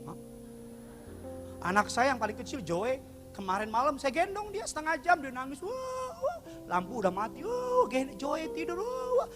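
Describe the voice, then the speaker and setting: A man preaching a lively, comic sermon as pastor, acting out dialogue and sometimes shouting for emphasis. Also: very high-pitched, normal speed, long reverb tail. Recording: live music behind him.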